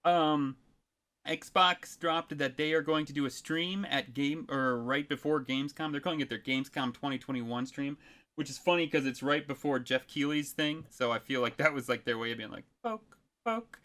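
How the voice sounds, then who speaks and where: A man's voice: medium pitch, fairly even intonation, moderate pace, bright, forceful tone. A man in his thirties co-hosting a casual podcast, telling a long anecdote with many fillers and frequent laughter. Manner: rambling storyteller, laughs often, many fillers. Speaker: podcast co-host.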